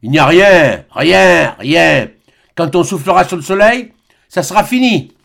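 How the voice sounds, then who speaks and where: A man voicing a scornful old atheist of about eighty who talks roughly and mockingly. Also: high-pitched, animated, brisk, voice pushed up. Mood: solemn.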